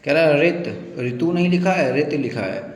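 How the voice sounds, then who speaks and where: Male teacher, exam quiz lesson, raised pitch, echoey room with long reverb. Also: expressive. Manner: explains, repeats words slowly, asks listener.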